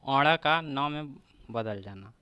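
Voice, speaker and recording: A man teaching a grammar lesson for exam preparation, slowly breaking down each example word by word and repeating it. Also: medium pitch, lively intonation, bright, forceful tone, smooth, dry recording.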